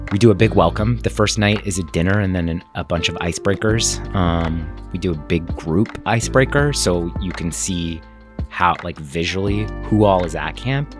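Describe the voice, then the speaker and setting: Low-voiced guy telling camp stories, lots of um and like, gets choked up, soft music under it. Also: normal speed. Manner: earnest, rambling, many fillers and restarts. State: choked up at times. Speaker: camp founder, guest. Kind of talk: interview clips.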